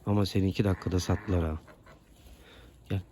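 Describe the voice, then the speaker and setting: A man's voice: deep voice, steady tone, fast talker, background noise. A man keeping geese, talking to them affectionately like children while filming them outside. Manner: coaxing, talks to his geese like children. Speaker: goose keeper filming his geese. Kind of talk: casual vlog talk to animals. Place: outdoors among geese.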